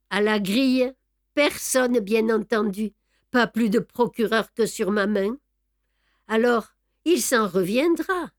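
A woman with a fairly high voice, recorded in clean studio sound with no echo, reads the part of a male court clerk. The sneering clerk is revealed as an armed, brutally bold villain, and she voices him curtly and mockingly.

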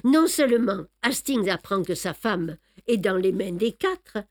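A woman reads a novel aloud in a steady, measured way, pausing to comment on the story. Her voice is mid-pitched and the recording is dry and close. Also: no room sound. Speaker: audiobook reader.

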